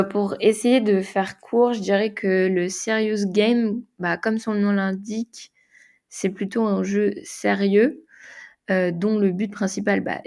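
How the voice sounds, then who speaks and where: French woman explaining with many pauses. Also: mid-range voice, creaky. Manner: many fillers and restarts, thinking aloud. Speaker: game designer and facilitator. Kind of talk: interview answers.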